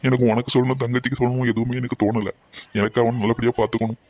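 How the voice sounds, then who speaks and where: An actor voicing a shaken young man after an accident in an animated family drama, subdued, guilty and consoling. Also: medium pitch, rapid-fire, highs cut off, close to an everyday voice.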